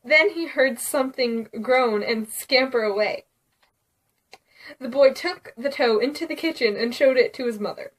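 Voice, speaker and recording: A woman's voice: high voice, measured pace, distant mic. Giggly woman reading a spooky story. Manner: giggly, playful, drops to a hush for suspense. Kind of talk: casual storytelling and vlog chat.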